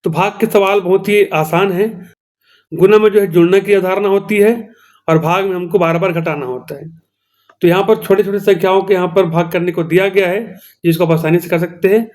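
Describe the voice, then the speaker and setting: Guy with a high voice and chhattisgarhi-tinged hindi, teaching maths step by step. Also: a little mellow. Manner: explains step by step, repeats "theek hai doston". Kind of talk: classroom maths lesson.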